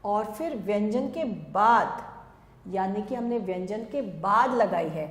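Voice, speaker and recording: A woman teaching Hindi letters and vowel signs to young children in a recorded lesson. She is slow and patient, stretches out each sound and calls the example words out louder than the rest. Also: medium pitch, lively intonation. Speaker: primary school Hindi teacher. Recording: echoey room with long reverb.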